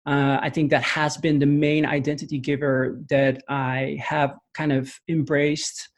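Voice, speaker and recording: Dutch-accented male guest, somewhat high-pitched, thoughtful and halting delivery with many fillers. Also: little pitch movement. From Netherlands. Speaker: podcast guest, missionary trainer. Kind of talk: conversational interview answers.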